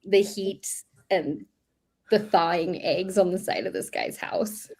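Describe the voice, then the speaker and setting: A woman's voice: fairly low pitch, big pitch swings, slow pace, creaky, darkish tone, slightly rough. A woman in her thirties, hosting a casual chat and telling family stories, full of "like" fillers. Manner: chatty storyteller, many "like" fillers. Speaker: host.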